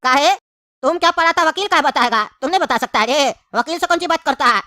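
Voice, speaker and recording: A woman's voice: high voice, animated, fast, sharp tone. A woman voicing a bossy male judge in a comedy skit who scolds and mocks the accused. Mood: scolding. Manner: scolding, mocking, threatening.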